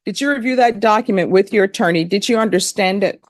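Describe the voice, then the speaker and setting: A woman's voice: mid-range voice, quick pace, no echo. A woman speaking as a judge in a courtroom, questioning and lecturing in a stern, plain-spoken, admonishing manner.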